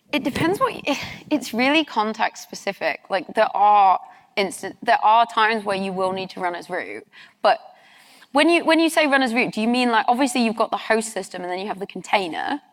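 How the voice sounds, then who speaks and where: A woman giving a conference talk on stage and answering questions, candid and chatty, with frequent ums. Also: fairly high pitch. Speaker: conference speaker. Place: conference hall.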